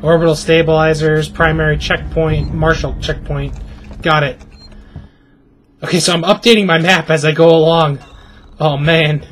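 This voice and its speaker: A middle-aged man streaming a horror game, muttering nervously and excitedly with frequent exclamations in casual commentary. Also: fairly high pitch, normal speed, slight background noise. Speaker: gaming streamer.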